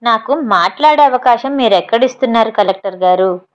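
A woman's voice: on the high side, fairly quick, lightly acted. A woman voicing a confident young man who teases and scolds firmly, on a slightly dull recording. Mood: teasing firm. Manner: teasing, firm. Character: confident teasing young man, quick temper.

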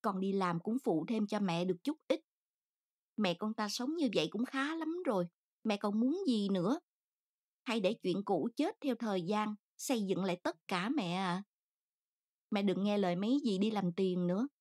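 A woman's voice: medium pitch, lively intonation, normal speed, darkish tone, natural voice. A woman reading an audiobook, voicing a young daughter who pleads earnestly. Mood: pleading.

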